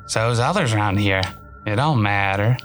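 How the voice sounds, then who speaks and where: A man's voice: fairly low pitch, measured pace, fairly bright tone, soft background music. Man putting on a sly menacing weasel creature. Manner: threatening, slangy drawl. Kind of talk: audiobook narration.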